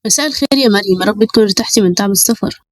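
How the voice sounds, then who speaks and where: A calm male police officer with an Egyptian accent, as a woman voices him. The voice stays husky and dry, gentle and assured. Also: medium pitch, rapid-fire, dry recording, close to an everyday voice. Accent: Egyptian Arabic.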